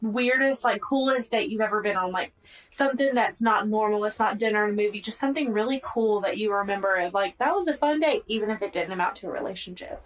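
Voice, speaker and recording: A young woman co-hosting a podcast, telling a story in a soft, giggly voice at a desk mic. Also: medium pitch, fast talker, rough recording. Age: young adult. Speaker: podcast co-host. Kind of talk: casual chat.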